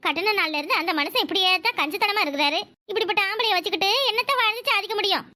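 A woman with a Kanyakumari Tamil accent voicing a sharp-tongued, complaining young village wife and mother in a cartoon. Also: very high-pitched, rapid-fire, dry recording, studio quality. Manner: nagging, quarrelsome. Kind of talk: cartoon voice acting.

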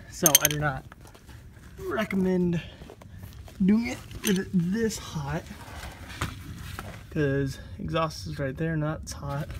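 Rambling man over loud car noise. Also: fairly high pitch. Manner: rambling, filler-heavy, thinking aloud. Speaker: DIY car vlogger. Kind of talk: casual how-to narration. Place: in a moving car, then outdoors beside it at night. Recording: loud road and engine noise.

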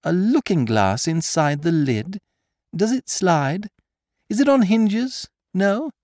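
Here the narrator, a man, performs a cocky gentleman thief for an audiobook: high above his usual pitch, loud, brisk, mocking, full of lively swoops. It's a gleeful, taunting storybook scheme, captured close and dry without any room sound.

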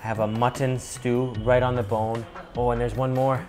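A young man from Canada, a food vlogger, tasting dishes on camera and reacting with excited, breathy exclamations at street stalls and in a restaurant. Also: mid-range voice, normal speed, music in the background.

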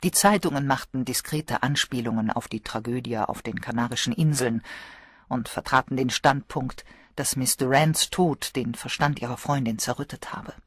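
A woman reading a mystery audiobook in steady, measured narration. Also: extremely low pitch, husky, no echo, studio quality. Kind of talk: scripted narration.

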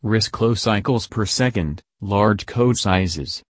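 A man with a lowish voice reads a scripted educational explainer in a measured, even way. The sound is dry and close, with no room around it. He takes list items slowly and deliberately. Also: no echo. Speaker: narrator.

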